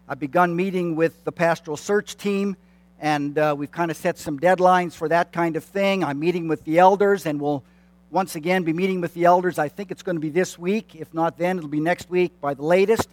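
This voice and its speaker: The speaker is a man in his fifties, a church consultant, sharing announcements in a church sanctuary. He has a good-natured, self-deprecating style, with frequent fillers and false starts. His voice sits high for a man, and the audio is close and dry, with hardly any room echo.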